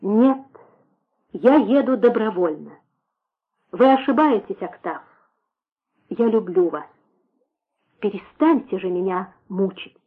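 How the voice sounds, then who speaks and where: A woman's voice: mid-range voice, expressive, takes it slowly, pauses often, slightly rough. A woman reading a sorrowful secretive lover. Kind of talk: audiobook reading. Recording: tinny phone-like sound.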